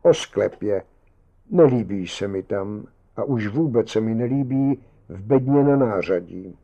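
A man's voice: lowish voice, animated, lo-fi sound. A man voicing a humanlike marionette double of a man who earnestly complains that he is kept in a box, in an audiobook reading. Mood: complaining.

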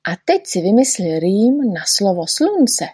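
A woman's voice: mid-range voice, sing-song, dark tone, breathy edge, no echo, studio quality. A woman voicing a fussy little male poet in a storybook reading, patiently explaining and correcting. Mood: lecturing.

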